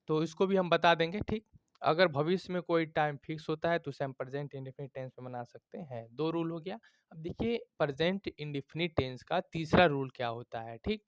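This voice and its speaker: A man's voice: fairly high pitch, clean tone, no echo. A man teaching a grammar lesson, checking in often with his students and explaining with everyday examples.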